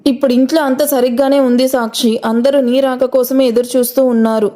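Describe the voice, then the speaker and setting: Brief: woman reading a hot-tempered young father in a story, demanding and argumentative, slightly high and warm. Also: steady tone, a little fast, close to an everyday voice. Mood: pleading. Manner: shouting, then pleading. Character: angry insistent young father, demanding man.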